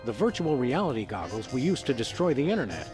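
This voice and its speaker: A deadpan cartoon dog detective, voiced by a man, delivers dry quips with a lively, varied intonation. His lines are game dialogue with faint music behind them. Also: mid-range voice, fast, close to an everyday voice.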